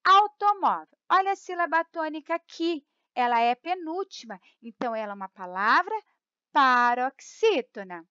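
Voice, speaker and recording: Brazilian woman teacher, high and animated, dry lo-fi sound, drills rules patiently. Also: clear, resonant tone, no room sound. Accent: Brazilian Portuguese. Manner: explains slowly, repeats rules, stretches key words; keeps checking in with "tá?" and "ó". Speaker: Portuguese teacher. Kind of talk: grammar lesson.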